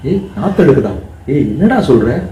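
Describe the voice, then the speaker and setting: A man's voice: fairly high pitch, very animated, fairly quick. A man playing an adult son who argues with a friend about his sick father in an amateur drama. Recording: very echoey room, distant mic, faint hiss.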